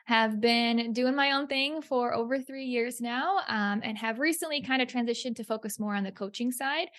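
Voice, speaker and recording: Upbeat lady coach on a podcast, a bit high pitched, casual and friendly. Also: moderate pace, fairly bright tone. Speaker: small business coach, podcast guest. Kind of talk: casual interview chat.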